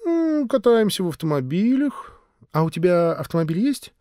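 A man's voice: high-pitched, big pitch swings, normal speed, dark tone, no room sound, clean studio sound, voice pushed up. A man voicing a brash, flirty earthling woman in an audiobook, cocky and teasing.

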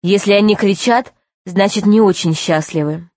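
A woman narrating a children's story aloud in a steady, expressive way. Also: medium pitch, normal speed, dry recording.

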